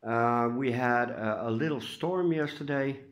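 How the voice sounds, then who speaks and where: Here a man with a mid-range voice and a Dutch accent talks unhurriedly, giving a relaxed update indoors at home. The orchid grower from the Netherlands sounds somewhat congested and hesitates frequently, filling gaps with uh's.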